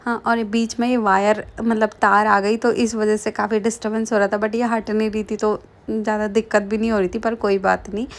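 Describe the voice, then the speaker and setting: A woman's voice: mid-range voice, level tone, fairly quick, few pauses. A young woman from the Kumaon hills, chatting casually through her vlog narration with lots of fillers. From Kumaon, Uttarakhand. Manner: chatty, frequent fillers, laughs while telling. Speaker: vlogger.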